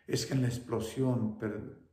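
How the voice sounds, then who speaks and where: A man's voice: steady tone, unhurried, reverberant, close to an everyday voice. A man voicing a young wounded soldier speaking to his mother, speaking Spanish with a Mexican accent. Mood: quiet. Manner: quiet and low, then proud and raised. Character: young wounded soldier, son, brave and selfless.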